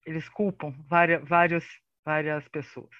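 The speaker is a man with a Brazilian accent presenting on disinformation in an informal slide lecture, part of an online debate recorded live for a podcast. His fairly high, slightly bright voice keeps a level tone at an unhurried pace. His style is didactic yet chatty, full of tag questions, and the recording sounds dry and dull.

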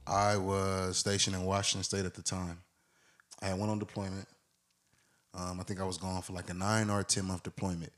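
A podcast co-host in his twenties spins a long story casually and with animation, acting out the people in it. His voice is deep and fairly quick.

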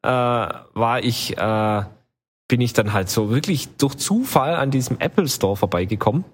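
A man's voice: mid-range voice, animated, moderate pace, breathy edge. A man telling a long travel story in casual chat, rambling with many fillers. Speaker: podcast co-host telling travel stories.

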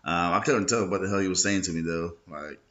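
Here the local social media show host, a young man, rambles through a casual vlog while hungover, sounding loose and slow-witted and using lots of slang. His low-pitched voice is brisk and a bit bright. The sound quality is dull and lo-fi.

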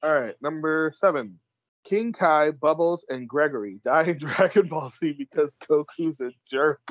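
A man's voice: fairly high pitch, moderate pace, no echo. A man co-hosting a casual podcast, reading out list entries and talking bluntly, with a wry edge and casual swearing. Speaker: podcast co-host. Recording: dry, dull lo-fi sound.

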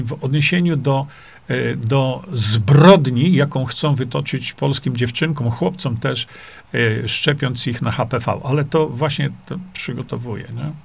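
Gravelly man rambling on a livestream. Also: medium pitch. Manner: rambling, dismissive, with frequent fillers and repeated rhetorical questions. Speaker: livestream host. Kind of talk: casual livestream talk, reading viewer comments.

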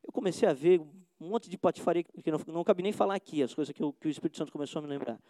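A man's voice: fairly high pitch, rapid-fire, dark tone, no echo. A male pastor from Brazil preaching a sermon, impassioned and slangy, dropping "cara" into almost every sentence.

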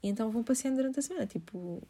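A young woman talks straight to her viewers. She speaks quickly in a mellow, warm tone, with lots of fillers and laughs scattered through her storytelling. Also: fairly high pitch, animated, breathy edge. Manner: chatty, laughing, heavy filler use. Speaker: vlogger.

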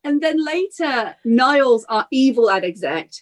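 Female co-host, high pitch, wry and animated, casual. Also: measured pace. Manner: wry, animated retelling with quoted asides. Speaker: podcast co-host. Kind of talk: casual chat.

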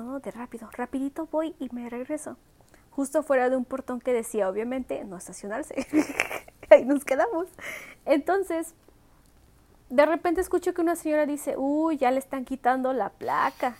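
A woman co-hosting a casual podcast, telling an embarrassing story with lots of acted-out quotes and laughter. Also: sits high. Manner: animated, acts out quoted voices, laughs often. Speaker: podcast co-host.

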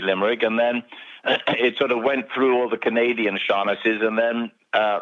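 An Englishman from England, calling in over the phone as a radio guest, telling stories in a chatty way with restarts. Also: fairly low pitch. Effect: heard over the phone. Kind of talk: radio interview. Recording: dull phone-line sound.

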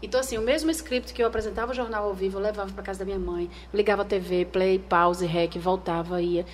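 A woman from Brazil with a Northeastern Brazilian accent, a former TV news anchor telling stories in an interview, animated and acting out remembered voices. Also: medium pitch, quick pace, a little hiss or hum. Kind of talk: conversational interview.

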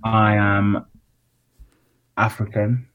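A man's voice: fairly low pitch, little pitch movement, very slow, clean tone, dull audio. A man, hosting a podcast with casual, slangy banter. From Zimbabwe. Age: 20s. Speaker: podcast host.

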